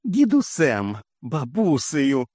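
A man's voice: a little high, huge pitch swings, slow pace, a little mellow, no room sound, clean studio sound, voice pushed up, full character voice. A man voicing a furious middle-aged mother who shrieks and scolds in a raised voice.

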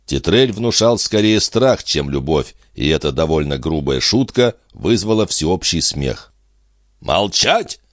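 Deep-voiced man narrating an audiobook. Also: measured pace, few pauses, dry recording, clean studio sound. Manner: expressive storytelling.

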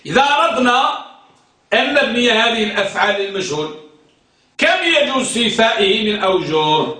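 A man teaching a grammar class with a very high, bright voice, keeps firing questions at his students and repeating the answers. He is picked up from a distance in a strongly echoing classroom. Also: animated, fairly quick. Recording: echoey room, mic far off.

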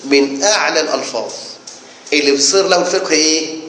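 Egyptian sheikh teaching a class, voice on the high side, keeps quizzing the room, big echoey hall. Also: male voice, fast. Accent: Egyptian Arabic. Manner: lively, asks the class questions and answers them himself. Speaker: sheikh teaching Islamic jurisprudence. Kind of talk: classroom lecture. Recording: echoey hall with faint background noise.

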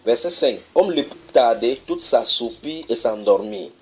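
A man preaching in a church, reading scripture verses slowly and then explaining them, often asking his listeners whether they follow. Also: mid-range voice, expressive, a little hiss or hum. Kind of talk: sermon teaching.

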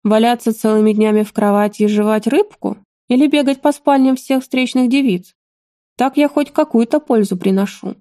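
A woman's voice: fairly high pitch, moderate pace, warm tone, natural voice. A woman playing a sulky young crown prince. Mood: defiant. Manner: curt, defiant.

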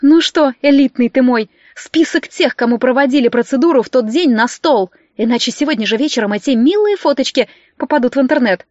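A woman reading an audiobook voices a fiery, brash young woman who talks loudly, threatening and mocking. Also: sits high, fairly quick, hardly any pauses, no echo, highs cut off, close to an everyday voice. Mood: aggressive.

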